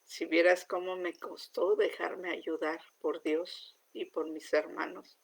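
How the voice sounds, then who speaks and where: A middle-aged woman gives a heartfelt religious testimony, often sinking into a soft, near-whispered voice. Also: on the low side, level tone, slow, creaky, husky.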